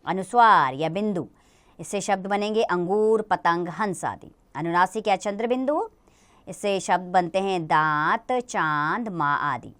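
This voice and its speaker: A woman gives a grammar lesson for young children in a clear, smooth voice. She explains slowly and patiently and keeps turning to the children with questions. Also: lowish voice, fairly bright tone. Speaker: teacher.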